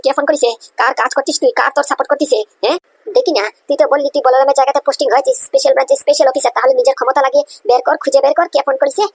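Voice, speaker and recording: A woman voicing a defiant, honest young male police officer in a cartoon comedy, scolding in a rapid tirade. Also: sits high. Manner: scolding, rapid, repeats "understand?".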